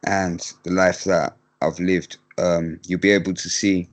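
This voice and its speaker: Low-voiced man, interview guest, hesitant delivery full of fillers and restarts. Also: flat delivery. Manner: hesitant, halting, many fillers. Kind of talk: candid interview talk.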